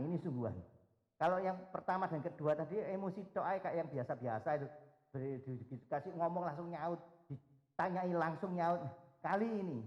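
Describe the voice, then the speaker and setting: A male pastor delivers a sermon, rising into loud bursts and slowing into drawn-out pauses. His fairly high voice moves a great deal. It rings through a large church hall with a long echo and a slightly dull recording. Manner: animated preaching with sudden loud outbursts and dramatic slow pauses.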